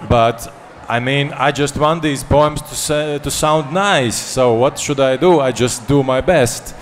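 A man's voice: medium pitch, takes it slowly, few pauses, slight background noise. A man who is a poet and translator answering a panel question, hesitant and full of fillers, with dry humor. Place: panel session at a book fair.

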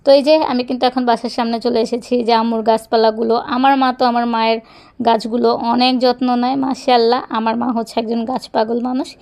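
Out on a neighborhood walk, a young woman vlogs into a phone in her hand, rambling casually and leaning on filler phrases. She talks fast in a highish voice with level intonation. Her tone is darkish.

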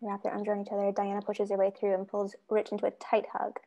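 Woman with a gravelly voice reading directions. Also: mid-range voice, completely flat delivery, fast talker, background noise. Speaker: narrator reading stage directions. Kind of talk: script read-through narration.

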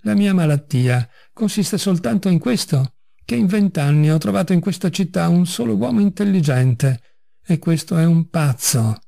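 A man's voice: a little high, animated, normal speed, gravelly, warm tone, pitched above the performer's own voice. A man voicing an agitated middle-aged male doctor who speaks in bitter, shaken outbursts in a storybook reading. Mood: despairing.

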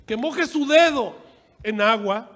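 A man voicing a tormented rich man who begs for water in a slow, pleading, raised voice. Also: extremely high pitch, a bit bright, big-room sound, full character voice.

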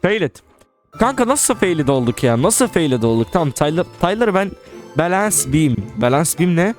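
A young man giving casual gameplay commentary, excitable, repeating words in quick bursts and swearing now and then. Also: a little high, faint music behind. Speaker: gaming YouTuber.

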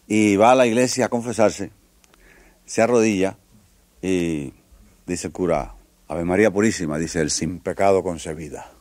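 A man's voice: sits low, normal speed, pauses often, a little mellow, dry recording. A man telling jokes to a live audience, acting out each character's lines. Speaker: stand-up comedian.

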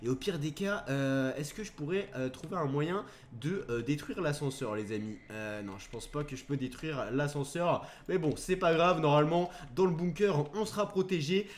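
A man's voice: fairly high pitch, moderate pace, hardly any pauses, slight background noise. A young man hosting a Minecraft video, commenting on the game to viewers in a theatrical, easily alarmed way. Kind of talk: dramatised gameplay commentary addressed to viewers.

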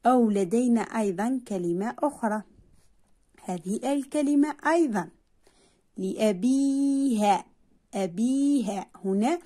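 A woman's voice: on the high side, a little mellow. A woman teacher, patiently explaining a primary school lesson and drawing out sounds to demonstrate them.

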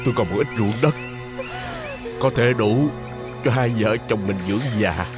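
A man's voice: on the low side, moderate pace, lightly acted. An actor playing an elderly father whose house has burned down, comforting his wife and then confronting the son who ran up debts. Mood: consoling. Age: older. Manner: shouting in panic, then gravely comforting. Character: elderly father, distraught over his ruined family. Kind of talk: folk-tale drama acting. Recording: film audio with loud background music.

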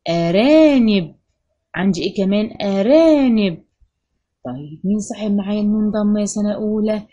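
An Egyptian-accented woman teaches young children their letters, quizzing them and answering herself. Her voice is mellow and slightly husky, and she draws out each example word slowly. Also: mid-range voice. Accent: Egyptian Arabic. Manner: question-and-answer drilling, stretches out example words. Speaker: primary school Arabic teacher. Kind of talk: children's phonics lesson.

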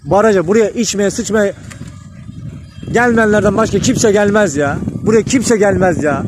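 A man on a rural dirt road, emotionally pleading and calling to stray dogs, filmed on a handheld phone. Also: very high-pitched. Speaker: vlogger. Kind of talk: outdoor vlog feeding stray dogs. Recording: loud outdoor noise behind.

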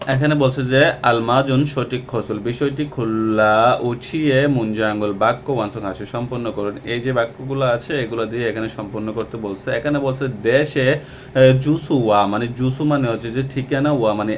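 A man teaching Korean vocabulary from a textbook, talking slowly and repeating each word with many hesitations. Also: mid-range voice, slight background noise. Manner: slow and repetitive, with many hesitations. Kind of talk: textbook lesson explaining vocabulary.

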